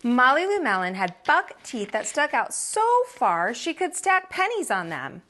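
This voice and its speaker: A woman teacher reading a children's picture book aloud, expressive and slow, with deliberate pauses. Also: high-pitched. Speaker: teacher and storyteller.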